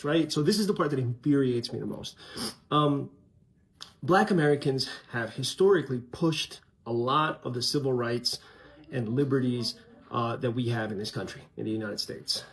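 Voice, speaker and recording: A man's voice: medium pitch, lively intonation, normal speed. A man from Colombia, raised in the US, talking frankly and conversationally to his channel's viewers. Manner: frank, conversational, many fillers. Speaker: channel host. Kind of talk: casual opinion vlog.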